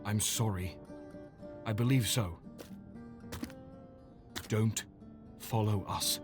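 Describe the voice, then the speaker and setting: An actor playing a kindly, apologetic, conflicted doctor in an audio drama. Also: male voice, on the low side, drawn-out words. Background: guitar music.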